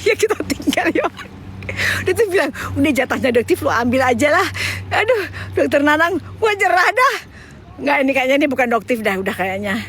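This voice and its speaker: A woman's voice: sits high, sing-song, fairly quick, fairly bright tone, a little hiss or hum. A woman vlogging outdoors, teasing and laughing hard while she comments on a friend. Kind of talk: casual commentary while filming.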